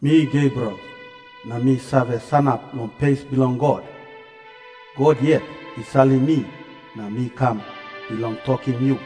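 Solemn proclaiming angel played by a man for scripture drama, Papua New Guinean Pidgin delivery, echoing over clear music. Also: mid-range voice, steady tone, a little slow, long pauses, warm tone, close to an everyday voice. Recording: long hall reverb, music behind.

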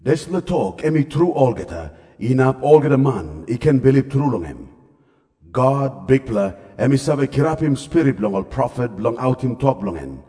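Man playing mellow, reverberant angel, Papua New Guinean accent. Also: medium pitch, big pitch swings, moderate pace, close to an everyday voice. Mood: solemn. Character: solemn male angel, humble messenger of God. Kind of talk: dramatized scripture reading. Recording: long hall reverb. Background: faint music.

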